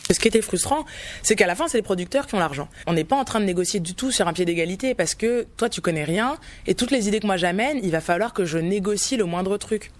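A woman speaks in a candid interview, telling her story in a loose, conversational way. She often pauses on fillers before she goes on. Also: mid-range voice, expressive. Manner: conversational, hesitant with many fillers. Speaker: screenwriter and documentary maker.

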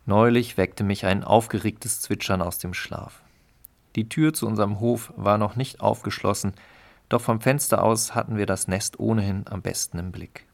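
Male narrator, dry wry audiobook read, low gravelly voice. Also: fairly even intonation, normal speed. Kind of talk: audiobook reading.

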